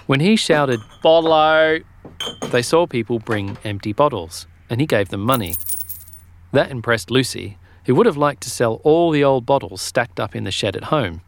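A man narrating a children's storybook in a gentle, expressive way. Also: mid-range voice, no echo.

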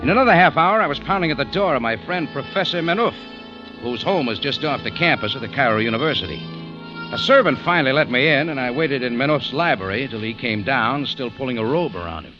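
A male actor speaks fast and animatedly in a mid-range voice close to everyday speech, with music playing behind him. He plays a tough, wry cafe owner narrating in the first person in a laconic, hard-boiled 1940s radio manner, and the old recording sounds dull.

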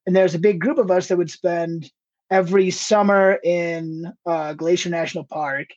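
A man from Ohio, in the US Midwest, guests on a podcast as a stand-up comedian, rambling in easy conversation and laughing readily. He speaks at a moderate pace in a high-pitched voice that is steady yet darkish. The sound quality is dull lo-fi.

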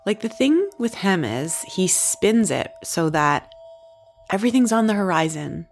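A woman's voice: mid-range voice, sing-song, unhurried, slight background noise. A woman being interviewed, talking candidly and conversationally about her experience. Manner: conversational, frequent "like" fillers.

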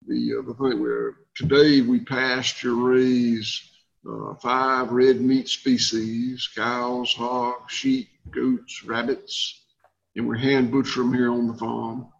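A man's voice: mid-range voice, level tone, slow pace, creaky, dull audio. A man with a Southern accent from Georgia, giving conversational interview answers as a farmer. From rural Georgia, US. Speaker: guest, farmer.

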